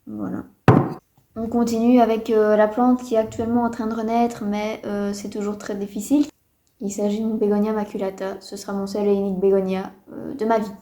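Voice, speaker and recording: Woman, home vlogger, chatty and hesitant, warm low-key timbre, echoey room. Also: level tone, brisk. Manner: chatty, hesitant with many fillers, mildly disappointed. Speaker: houseplant vlogger. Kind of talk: casual chat to camera. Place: indoors at home. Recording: roomy echo.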